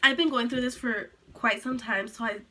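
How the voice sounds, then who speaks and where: A teenage girl telling a sit-down story to her camera, rambling with lots of "like"s and restarts, a little hoarse from being sick. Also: on the high side, fairly even intonation, normal speed, pushed and bright. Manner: rambling, filler-heavy, many "like"s and restarts. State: recovering from illness, coughing. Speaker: vlogger.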